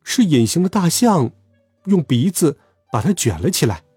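Husky lively storybook narrator man. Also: on the high side, moderate pace, no echo, faint music behind. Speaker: children's storyteller. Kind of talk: reading a children's story aloud.

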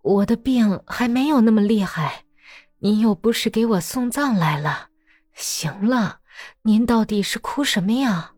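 A woman reading a novel aloud, voicing a gravely ill young peasant wife who speaks faintly and breathily to her family. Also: fairly high pitch, animated, unhurried, darkish tone, no room sound, clean studio sound, voice pushed up. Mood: weak, tender. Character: dying young peasant wife, weak and tender.

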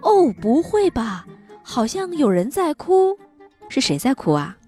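An eager little girl explorer from a children's storybook, played by a woman narrator, her voice very high and bouncing. She exclaims everything with bright enthusiasm, and soft music plays faintly underneath. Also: very animated, a little slow. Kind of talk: storybook read-aloud for children.

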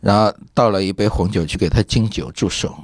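A man's voice: on the low side, a little fast, no echo, studio quality. A middle-aged man, a film professor, telling colloquial anecdotes as an interview guest and often asking his listener to agree. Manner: lively, acts out quoted voices; colloquial, many fillers and tag questions. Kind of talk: anecdotal storytelling.

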